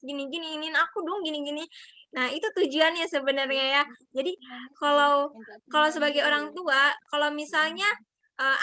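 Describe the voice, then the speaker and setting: A woman's voice: sits high, pushed and bright, no room sound. A young woman, a psychology student, giving an online parenting workshop over a video call in a casual, explanatory way with frequent hesitations. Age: young adult.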